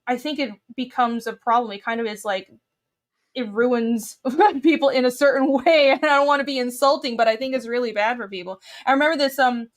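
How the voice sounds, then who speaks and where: A woman's voice: fairly high pitch, fairly quick. A young woman from Taiwan, a guest on a casual podcast chat, talking earnestly and opinionatedly in long run-on thoughts.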